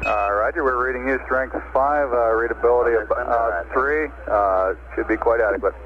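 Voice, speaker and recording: A man working mission control, speaking over a radio transmission in clipped protocol with frequent uh pauses. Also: medium pitch. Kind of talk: radio procedure call. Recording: tinny archival radio link with faint static.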